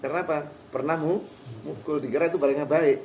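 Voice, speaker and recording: A man teaching Quran recitation in a relaxed, folksy way, now and then acting out short quotes. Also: fairly high pitch, fast talker. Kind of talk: informal religious lesson. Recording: roomy hall with faint background noise.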